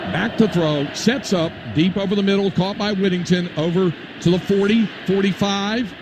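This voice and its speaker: Man calling a game, classic radio announcer, loud noise. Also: sits high, normal speed. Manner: clipped phrases, classic radio ballgame announcer delivery. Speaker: radio football play-by-play announcer. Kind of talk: live radio sports play-by-play commentary. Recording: very noisy live outdoor stadium broadcast.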